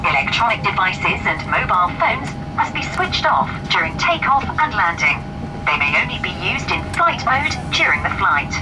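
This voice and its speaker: A woman speaking as a flight attendant, giving a formal scripted safety announcement over a cabin PA. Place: aircraft cabin. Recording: distant cabin PA, loud aircraft rumble. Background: loud aircraft engine rumble.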